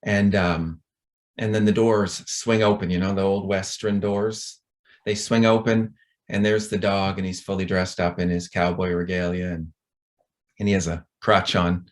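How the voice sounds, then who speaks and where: A middle-aged man with a fairly low voice gives a conference talk over a video call. He is chatty and rambling, with a self-deprecating manner. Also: little pitch movement, normal speed. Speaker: conference speaker.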